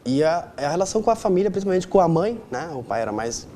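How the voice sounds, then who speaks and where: Over crowd noise, a young man from Rio Grande do Sul talks fast and very animatedly in a voice on the high side. In his twenties and with a southern Brazilian accent, he answers as a conversational interview guest and regularly adds tag questions to draw agreement.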